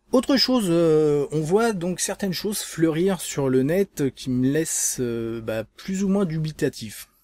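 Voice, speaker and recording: A man's voice: medium pitch, darkish tone. A man from France hosting a casual video blog, speaking hesitantly with many fillers and restarts. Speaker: vape channel host.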